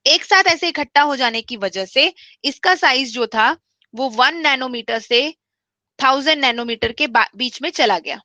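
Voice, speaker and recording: Bright high-voiced woman teaching chemistry. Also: normal speed, dry recording. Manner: explains step by step, repeats key points; mixes English terms into speech. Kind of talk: online class lecture.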